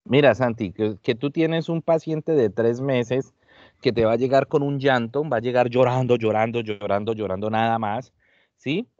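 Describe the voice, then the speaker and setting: A man with a medium-pitched, somewhat dark voice teaches an online medical class at a moderate, fairly even pace, quizzing his students and repeating phrases for emphasis. The dry, dull, lo-fi sound comes from a computer mic on a video call.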